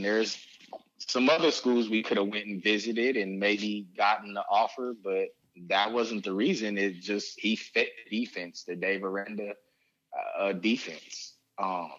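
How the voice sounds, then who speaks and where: Middle-aged man, low muffled voice. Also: fairly bright tone. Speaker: father of a recruited athlete, interviewee. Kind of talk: casual interview chat.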